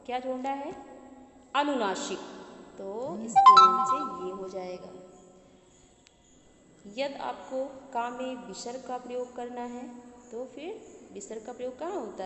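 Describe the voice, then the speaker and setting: A woman teaching grammar to schoolchildren, who asks the class questions and then answers them herself. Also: a little high. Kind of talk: grammar lesson for children. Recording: echoey room, faint background noise.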